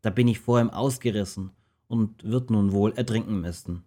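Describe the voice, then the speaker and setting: A man's voice: lowish voice, normal speed, mellow, lightly acted. A man voicing the runaway prophet Jona, a grown man who flees in fear and then turns carefree, in a rhymed storybook reading. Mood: resigned.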